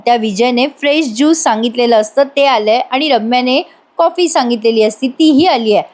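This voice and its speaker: A woman with a Marathi accent narrating a TV episode recap as a voice-over. Her voice is high and chatty, and she speaks directly to her viewers. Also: normal speed, a little mellow. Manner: chatty, addresses the audience directly. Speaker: TV serial reviewer.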